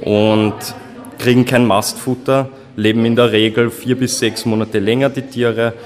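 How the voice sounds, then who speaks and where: A man's voice: medium pitch, little pitch movement, a little slow, in a large hall. A young man, a restaurant owner plainly explaining his concept in an interview. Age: young adult. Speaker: restaurant owner and head chef. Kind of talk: casual interview answers. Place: restaurant dining room.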